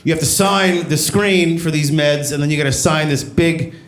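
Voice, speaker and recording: A man's voice: fairly high pitch, normal speed, natural voice. A male comedian voicing a very young female pharmacist in stand-up, officious and matter-of-fact. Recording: echoey room, clear background noise.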